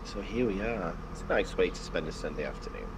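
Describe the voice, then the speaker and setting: Heavy background noise surrounds this animated, fast-talking man whose voice sits low. He's a live stream host from Wales, his accent tinged with northern English, giving chatty aviation commentary and friendly greetings to viewers.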